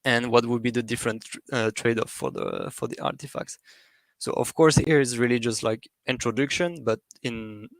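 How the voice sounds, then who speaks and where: A man giving an academic presentation, talking in a halting way with many fillers and restarts. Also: medium pitch, steady tone, no echo.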